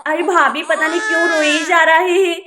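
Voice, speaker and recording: A woman's voice: very high-pitched, steady tone, normal speed, echoey room, noisy background. A woman voicing a tired young unmarried woman, tearful as she tries to soothe a crying baby.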